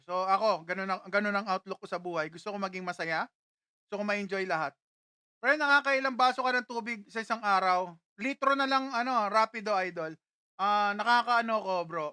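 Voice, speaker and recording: A man's voice: sits high, sharp tone, smooth, no room sound, clean studio sound. A young Filipino man casually chatting on a livestream, reading out viewer comments and laughing often. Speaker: livestream host.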